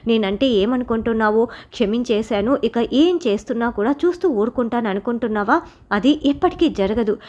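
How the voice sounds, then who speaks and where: A woman voicing an angry young man who shouts as he disowns his stepfather. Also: on the high side, highs cut off, natural voice. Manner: shouting, defiant.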